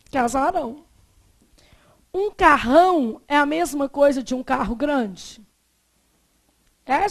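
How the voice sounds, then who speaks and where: A middle-aged Brazilian woman teaching a Portuguese grammar lesson, chatty and asking the class rhetorical questions. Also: high-pitched.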